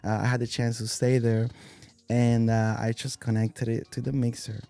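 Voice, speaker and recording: This is a man speaking at an ordinary mid pitch. His voice has a gravelly rasp, and he chats as an interview guest, rambling through fillers and restarts. Faint music plays behind him. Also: flat delivery, normal speed, warm tone. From Spain. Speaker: guest, DJ and violinist. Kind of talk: casual interview chat.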